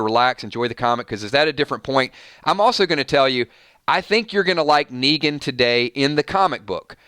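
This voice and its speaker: A man hosting a live fan reaction show, talking in an excited, rambling way with frequent restarts. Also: medium pitch, smooth, no echo. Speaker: channel host.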